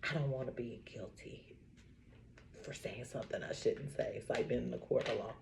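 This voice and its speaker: A woman's voice: extremely low pitch, normal speed, vocal fry, background noise. A woman talking casually to her camera as a vlogger, telling stories with lots of laughter and repeating affirmations like a preacher. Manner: animated storytelling, frequent laughter.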